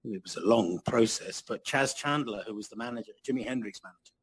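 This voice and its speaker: A man's voice: medium pitch, fast, slightly rough. A man in his sixties, a guest musician telling self-mocking stories in an interview. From England. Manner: storytelling, self-mocking, animated. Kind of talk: anecdotal interview chat.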